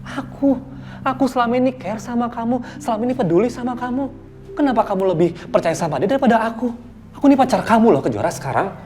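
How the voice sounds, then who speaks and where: An actor playing an evasive, troubled young boyfriend in a TV soap, pleading and irritable. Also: male voice, on the high side, quick pace, mellow, faint music behind, close to an everyday voice. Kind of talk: TV soap acting.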